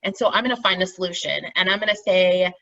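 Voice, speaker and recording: A middle-aged team lead facilitates a group call, explaining things informally and encouragingly and checking in with listeners often. She talks fast in a lowish, pushed and bright voice with fairly even intonation. The video-call audio sounds dull and distant.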